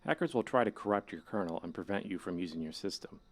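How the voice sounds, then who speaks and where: A low-pitched male hacker played by a man guides a newcomer through a horror video game. He speaks casually and wryly, like a scripted tutorial narrator, with an ominous edge. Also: animated, fast. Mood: instructive, casual.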